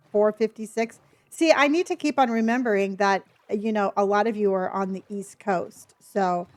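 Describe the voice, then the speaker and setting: A woman live streamer chatting casually with her viewers while gaming, with a speech impediment on her R sounds. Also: a little high. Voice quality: speech impediment, cannot pronounce R's. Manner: chatty, addresses viewers as honey.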